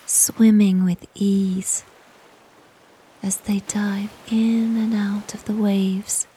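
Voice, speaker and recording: A woman whispers a guided relaxation story about nature. Her voice is very breathy and soft, with an even, barely moving melody. She goes slowly and soothingly, leaving long pauses between short phrases. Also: mid-range voice, poor audio.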